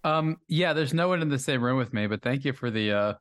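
Wry, measured American podcast co-host. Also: male voice, medium pitch, expressive, fairly bright tone. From United States. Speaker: podcast co-host, watch critic. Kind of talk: casual podcast chat. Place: hotel room.

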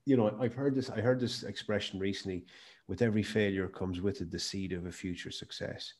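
A man's voice: on the low side, fairly even intonation, brisk, darkish tone. A man with a west of Ireland accent, telling stories emphatically in a conversational interview. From County Mayo, west of Ireland. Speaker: podcast guest, health and performance speaker.

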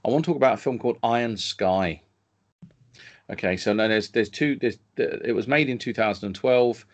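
A man with a mid-range voice talks briskly as a co-host on a film podcast, reviewing movies in casual, enthusiastic chat. He often stumbles and restarts his sentences, and the recording has its highs cut off.

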